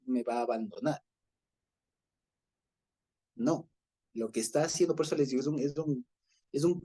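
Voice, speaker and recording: A man leading an informal Bible study, explaining patiently, checking in with his listeners and pausing on fillers as he searches for words. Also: on the high side, a little mellow. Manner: explanatory, often checks in with a questioning "ya?"; hesitant, with fillers and restarts.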